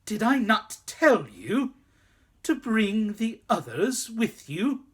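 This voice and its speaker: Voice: mid-range voice, sing-song, takes it slowly, breathy edge, pitched above the performer's own voice, full character voice. A storyteller voicing a cruel, imperious witch queen who speaks in a raised, commanding voice. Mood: angry.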